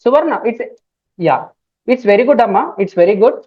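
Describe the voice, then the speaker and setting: A woman with a Telugu accent teaching a live online class, speaking loudly and repeating key phrases, sometimes spelling words out letter by letter. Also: fairly high pitch, expressive, slow pace, breathy edge, no echo. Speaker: digital marketing trainer. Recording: dull, dry lo-fi stream audio.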